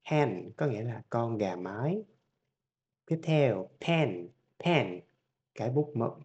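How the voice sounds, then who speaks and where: A male teacher with a Vietnamese accent, giving a phonics lesson, repeating each sound and word slowly and patiently. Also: mid-range voice, expressive, vocal fry, mellow, dull audio. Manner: drills each sound several times, then explains it patiently. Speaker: English teacher.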